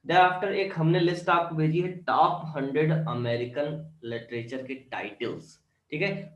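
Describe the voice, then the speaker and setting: A man teaching an online English literature class, explaining step by step and often checking "clear?", with Indian-accented English. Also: fairly high pitch, a bit bright, echoey room, rough recording.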